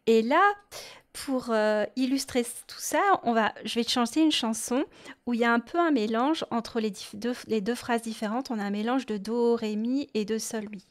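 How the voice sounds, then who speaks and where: A woman from France hosting a music lesson podcast for parents, explaining gently and singing short rhymes. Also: a little high, moderate pace. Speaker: music teacher and podcast host.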